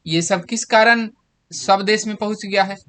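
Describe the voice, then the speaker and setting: A man's voice: high voice, fairly even intonation, moderate pace, fairly bright tone. A man, teaching a class and walking students through exam answers by asking them questions. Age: 30s. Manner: explains step by step, quizzing students with questions.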